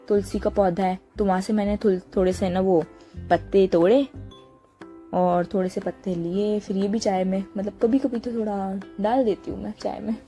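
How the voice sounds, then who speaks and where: A young woman from India narrating a relaxed voice-over of her day at home, chatty and often pausing to search for a word. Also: medium pitch. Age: young adult. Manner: chatty, searching for words, frequent laughs. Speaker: vlogger. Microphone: small handheld mic.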